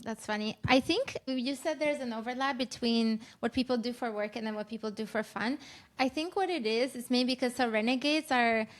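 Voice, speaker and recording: A woman co-hosts a casual podcast interview, teasing her guest and cutting in with quick questions. Her voice is notably high, and her tone is playful. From Albania. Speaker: podcast co-host.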